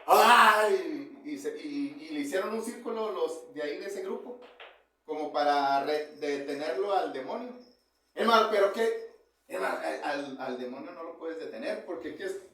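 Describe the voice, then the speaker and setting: A man's voice: sits high, fairly bright tone. A man preaching an informal Bible lesson in a church hall, talking conversationally and often asking his brothers "right?". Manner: conversational, keeps asking "¿verdad?" and addressing "hermanos". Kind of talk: informal sermon. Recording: very echoey hall, mic far off.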